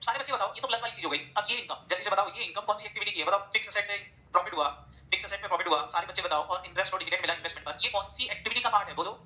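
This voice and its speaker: A male accounting teacher delivers a classroom lecture at a brisk clip, constantly drilling his students with rapid-fire questions. His voice comes across bright and forceful, and the recording carries noticeable room echo. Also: high voice. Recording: echoey room.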